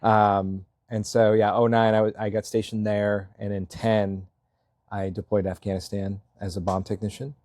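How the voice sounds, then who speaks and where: This guest is a selectboard candidate, a man in his thirties from Massachusetts, speaking casually in a rambling, self-deprecating way with lots of fillers and laughter. His voice is lowish and darkish with a flat delivery at normal speed, on a dry, clean studio recording.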